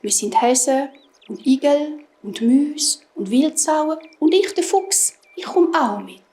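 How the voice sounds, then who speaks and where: A woman with a Swiss German accent voicing a calm, sly male fox in a spoken children's story, speaking slowly and with composure. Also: high voice. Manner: slow and composed. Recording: roomy echo.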